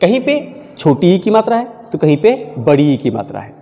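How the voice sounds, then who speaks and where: Man teaching spelling, lively pitch, echoey. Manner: repeats words slowly, syllable by syllable; mixes in Marathi phrases. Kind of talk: spelling lesson explanation. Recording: long hall reverb.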